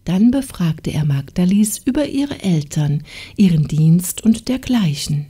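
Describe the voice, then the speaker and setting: Slow, husky woman reading a fairy tale. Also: lowish voice. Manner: calm, measured storytelling. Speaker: audiobook reader. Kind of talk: fairy tale audiobook narration.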